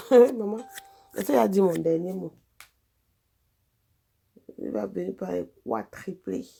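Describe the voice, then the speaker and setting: A woman with a Cameroonian French accent talks animatedly in a casual vlog. She teases and repeats phrases in a sing-song way, and her voice has a gravelly edge. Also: medium pitch, wildly swooping pitch, takes it slowly, dark tone. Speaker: vlogger. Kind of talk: casual chat.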